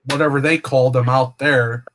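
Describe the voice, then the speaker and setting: A man chatting casually as a guest on a livestream, explaining things slowly with lots of fillers and restarts, heard over a video call. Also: mid-range voice, steady tone, fairly bright tone, slight background noise. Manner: slow, meandering explanations with many fillers. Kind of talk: casual chat.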